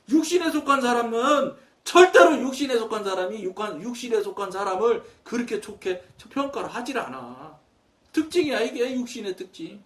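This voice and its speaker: A middle-aged man preaching a sermon, telling a story with quoted dialogue, with emphatic rises and soft drops. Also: very high-pitched, far from the mic. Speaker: pastor.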